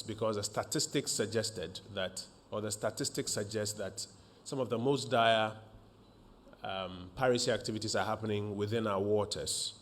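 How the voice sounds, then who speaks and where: A man, a government minister opening a press briefing in a formal, measured way with frequent fillers. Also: on the low side.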